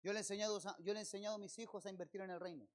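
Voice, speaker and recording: A man with a Chilean accent preaching a sermon as pastor at a church service, firing rhetorical questions at his congregation and swelling loud on key phrases. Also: sits high, fairly even intonation, racing.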